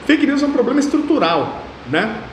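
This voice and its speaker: A man's voice: very high-pitched, big pitch swings, normal speed. Emphatic young man, echoey room. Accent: São Paulo state Portuguese. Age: 30s. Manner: emphatic, repeats phrases for force. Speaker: mayoral candidate. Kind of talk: political interview. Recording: echoey room, faint background hum.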